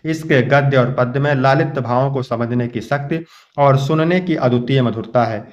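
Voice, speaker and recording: A man from Uttar Pradesh teaching an exam-prep lesson. He explains each line patiently, at a mid pitch, and fondly addresses his students. The sound is a little dull and lo-fi. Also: normal speed. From Uttar Pradesh, India.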